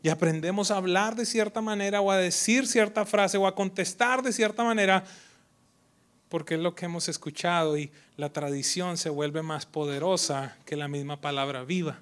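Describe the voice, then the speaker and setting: Dramatic bright-voiced man preaching. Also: high voice, normal speed, clear, resonant tone. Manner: swings from loud animated preaching to hushed near-whispers; acts out quoted voices mockingly. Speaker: pastor. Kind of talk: sermon.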